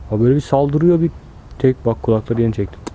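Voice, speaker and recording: A man's voice: mid-range voice, quick pace, phone-quality sound, slight background noise. Chatty man coaxing zoo animals. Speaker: zoo vlogger. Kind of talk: casual narration while filming animals. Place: outdoors in a zoo enclosure.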